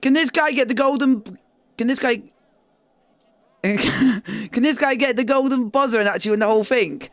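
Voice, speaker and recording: A young man, chatting excitably and laughing often on a live football watchalong stream. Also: very high-pitched, normal speed, no room sound.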